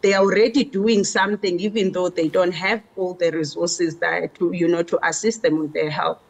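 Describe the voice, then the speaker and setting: A woman from Africa, giving measured, explanatory interview answers as a city official. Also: lowish voice, fairly even intonation, creaky, husky.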